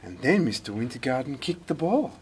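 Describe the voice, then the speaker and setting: A man reading a children's story aloud in a dramatic, deliberate way. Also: medium pitch, big pitch swings, slight background noise. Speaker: storybook reader. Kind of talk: expressive scripted children's story narration.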